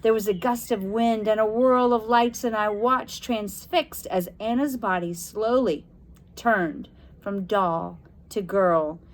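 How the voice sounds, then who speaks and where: In a mid-range voice, a woman performs a spooky children's book as a dramatic read-aloud. She shapes each line deliberately, keeping it expressive and full of suspense.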